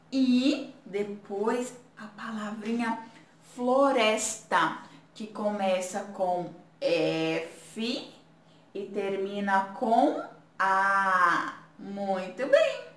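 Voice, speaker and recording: A woman's voice: mid-range voice, a bit bright. A woman teaching a remote lesson to small children, carefully sounding out syllables and letters. She is from Brazil. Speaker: preschool teacher. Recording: echoey room, voice from a distance.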